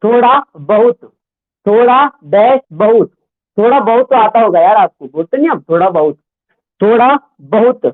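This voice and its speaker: A man teaching a Hindi grammar class, slowly dictating words and repeating each one for students to write. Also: high voice, expressive. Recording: tinny phone-like sound.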